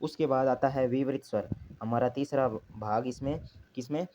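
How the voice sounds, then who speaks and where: A man's voice: medium pitch, dark tone, lo-fi sound. A man teaching a grammar lesson, asking himself questions and repeating the key terms. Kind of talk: classroom lesson explanation.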